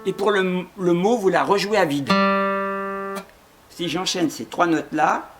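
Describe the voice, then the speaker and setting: Speaking a little slowly in a voice that sits high, a man patiently walks students through a guitar lesson, covering chords and rhythm and singing brief phrases as examples while guitar plays along.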